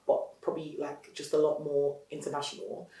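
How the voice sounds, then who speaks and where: She's a Nigerian entrepreneur with a light accent, telling her founding story in a candid interview with lots of laughter, animation, and restarted sentences. Her low voice moves briskly, captured from a distance in a roomy room.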